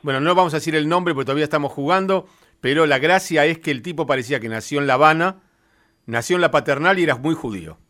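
Relaxed Argentine radio host. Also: male voice, a little high, fast talker. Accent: Argentine Spanish. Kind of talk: casual on-air chat.

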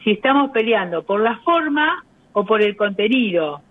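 A woman, a communication specialist explaining her ideas as a guest on a radio interview, pausing often on hesitant fillers. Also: fairly high pitch, expressive. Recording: tinny phone line.

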